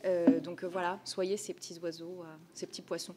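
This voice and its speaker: A woman's voice: fairly low pitch, little pitch movement, fairly quick, mellow. A woman speaking on a conference panel, hesitating with fillers as she works through an image. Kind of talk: panel discussion.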